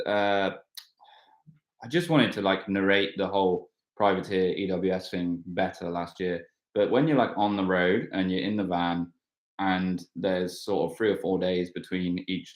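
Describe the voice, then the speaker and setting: A man in his thirties, a mountain bike racer, chatting casually on a live stream and rambling with many fillers and restarts. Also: low voice. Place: at home, washing outside in the rain. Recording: roomy echo.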